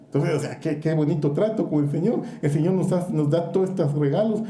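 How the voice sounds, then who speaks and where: Guatemalan male preacher, high and dark-toned, fervent sermon, roomy church echo. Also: fairly quick. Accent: Guatemalan Spanish. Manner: fervent, questions the congregation directly.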